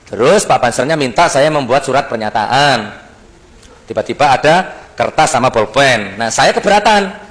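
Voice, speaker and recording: A man's voice: mid-range voice, expressive, moderate pace, a bit bright. A man telling a story in a sermon, acting out the dialogue and rising sharply when indignant. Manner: acts out dialogue in Javanese-tinged speech. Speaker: preacher.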